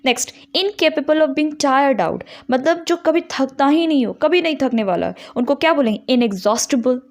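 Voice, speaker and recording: A woman teaching English vocabulary, reading each definition slowly, then explaining it and quizzing the listener with repeated questions. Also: sits high. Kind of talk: bilingual vocabulary lesson.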